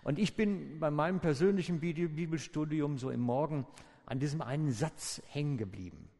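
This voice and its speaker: A man giving a sermon in a relaxed, conversational storytelling way, with informal asides to his listeners. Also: fairly high pitch, a little fast, vocal fry. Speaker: preacher. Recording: echoey hall with long reverb.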